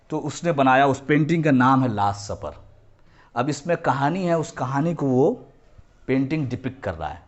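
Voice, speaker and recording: On dull-sounding audio, a medium-pitched man delivers a history lecture to children. He explains each term, repeats key points, and frequently slips into English phrases.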